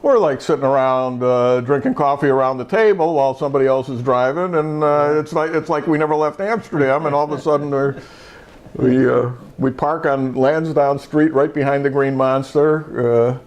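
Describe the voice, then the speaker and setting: A man's voice: medium pitch, moderate pace, darkish tone. An older man, a retired judge and show host, telling a rambling story in casual chat with many fillers and restarts.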